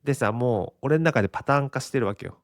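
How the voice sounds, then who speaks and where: A man's voice: mid-range voice, fast talker, no room sound, studio quality. A Japanese man in his forties hosting a casual solo podcast, rambling and chuckling often at his own expense. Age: 40s. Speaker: podcast host.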